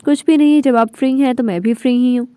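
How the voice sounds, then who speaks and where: A woman narrator voicing an innocent, chatty young woman who confides gossip in a hushed tone. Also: high-pitched, steady tone, fast, clean tone, no echo, clean studio sound, natural voice.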